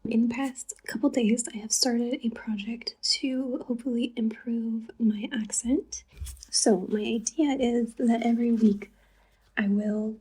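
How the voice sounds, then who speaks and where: Woman vlogger, soft and husky, mellow tone, slightly high voice, loose chatty delivery. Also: steady tone, unhurried, rough recording. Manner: chatty and loose, with casual asides. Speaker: language learner vlogger. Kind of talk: casual chat to camera.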